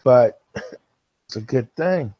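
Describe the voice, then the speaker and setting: A man's voice: mid-range voice, animated, very slow, no echo, dull audio. A man hosting a casual live stream, talking straight to the viewers who watch the replay and reading chat comments aloud to them. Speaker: livestream host.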